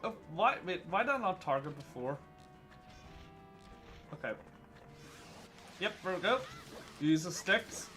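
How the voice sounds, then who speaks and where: A man's voice: high-pitched, animated, measured pace, long pauses, sharp tone, faint music behind. A man giving casual let's-play commentary, chatty and self-mocking. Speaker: gaming channel host.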